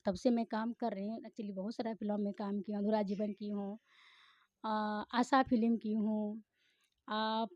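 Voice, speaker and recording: A woman's voice: mid-range voice, little pitch movement, unhurried, no room sound. A woman who acts in films answers interview questions in a chatty, rambling way with many hesitations. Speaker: film actor. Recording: slightly muffled, dry recording.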